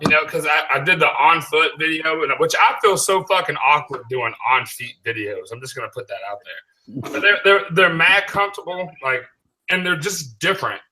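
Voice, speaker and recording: A man with a Southern accent co-hosting a casual sneaker talk stream, joking loudly, swearing freely. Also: a little high, moderate pace, slight background noise, rough recording. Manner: loud, joking, profane. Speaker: co-host of a sneaker show. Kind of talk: casual banter on a live stream.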